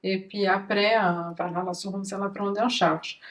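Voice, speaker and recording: A woman hosting a relaxed interview who speaks in an earnest, halting way, often restarting her sentences. Her voice sits at a middle pitch. She is recorded somewhat away from the microphone. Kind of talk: conversational interview. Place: lives in Switzerland. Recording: voice somewhat distant from the mic.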